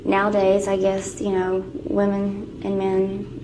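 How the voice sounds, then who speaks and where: A woman in a played street interview clip, answering slowly and carefully. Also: mid-range voice, monotone, background noise.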